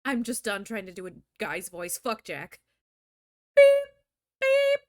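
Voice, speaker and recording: A woman's voice: medium pitch, normal speed, fairly bright tone, dry recording, clean studio sound. A young woman livestreaming as a VTuber, reading a visual novel aloud and breaking off into crude, joking asides. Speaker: VTuber streamer. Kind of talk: live-streamed visual novel reading with commentary.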